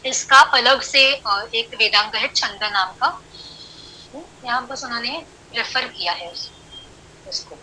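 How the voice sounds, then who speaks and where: A woman teaching a Sanskrit lesson online, talking slowly and patiently as she counts syllables aloud and moves between Hindi and English. Her voice sits a little high and sounds very bright. A faint hiss runs under the recording. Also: low-quality recording. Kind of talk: online class lecture.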